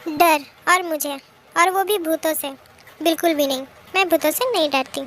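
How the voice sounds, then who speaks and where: A woman's voice: very high-pitched, normal speed, fairly bright tone. A woman voicing a timid, easily frightened young woman who pleads and mutters to herself in a fan-made drama dub. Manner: anxious, pleading, talking to herself.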